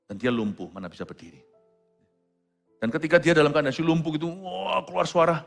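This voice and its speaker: A man pastor preaching a sermon, who moves between quiet storytelling and loud exclamations and drops English phrases into his talk. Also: a little high, fairly quick, vocal fry. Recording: long hall reverb with faint music.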